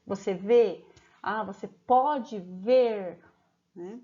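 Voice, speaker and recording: Speaking with a Brazilian Portuguese accent, a woman trains teachers, walking through each step and frequently closing phrases with a questioning "né?". She slows down to dictate examples; her mellow, mid-range voice comes through lo-fi sound.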